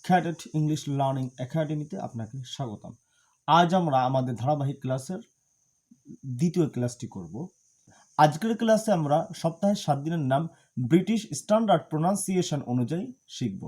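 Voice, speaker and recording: A man from Bangladesh leads a video lesson on English pronunciation. His voice sits a little high for a man. He drills each example word several times and says it louder than the explanation around it. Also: animated, a little fast. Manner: drills words by repeating them, loud on the examples.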